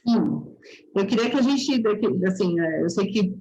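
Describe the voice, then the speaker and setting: A woman with a Brazilian Portuguese accent teaching a live online lecture over a video call in a friendly, explanatory way, pausing on fillers. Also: mid-range voice, lively intonation, warm tone, highs cut off. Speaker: course instructor.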